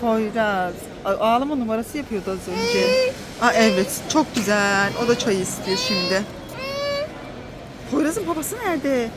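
A high-pitched woman narrates a family vlog around a car outdoors. She is animated and excitable, calling out urgently as she plays pretend chase games with her kids. The phone recording carries clear background noise. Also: a little slow. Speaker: mother filming her children.

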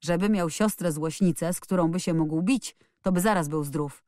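A woman's voice: lowish voice, moderate pace, a little mellow, no room sound, studio quality, close to an everyday voice. A woman voicing a strong young nurse who speaks in a mocking, indifferent way in a storybook reading. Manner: mocking, giggling tone.

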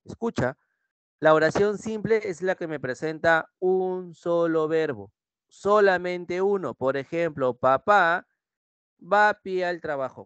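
A young man with a Peruvian Spanish accent gives a pre-university language lesson. His voice sits a little high and sounds dry and close. He repeats each point and keeps checking that students follow. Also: clear, resonant tone, no room sound, dull audio. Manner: repetitive, checks in with students using "¿sí?". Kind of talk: online class lecture.

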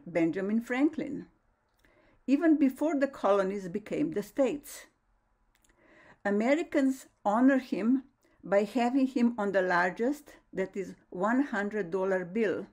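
A woman from Slovenia delivers a prepared science lecture in a measured, formal manner. Her phrasing is slightly non-native, and her voice sits at a middle pitch. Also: darkish tone. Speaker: lecturer, astrophysicist.

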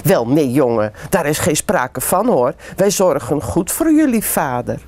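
A woman reading a bedtime story, voicing a calm, kindly hospital nurse who reassures children. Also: low-pitched, unhurried, heavily acted. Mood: reassuring.

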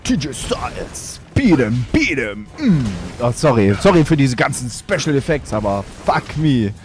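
A man's voice: medium pitch, sing-song, normal speed, soft background music. A man giving gameplay commentary as a let's player, with playful, boastful trash talk.

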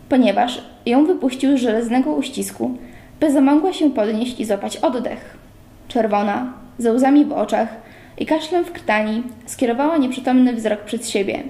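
A woman reading a novel aloud at a steady pace in a library. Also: on the high side. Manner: steady literary narration. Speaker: reader. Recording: roomy echo.

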